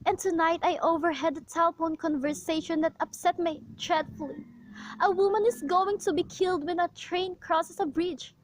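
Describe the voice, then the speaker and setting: A woman's voice: extremely high pitch, steady tone, normal speed, rough recording. A woman playing a frightened bedridden woman alone at night, pleading frantically in an amateur radio play. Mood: anxious. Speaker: invalid caller.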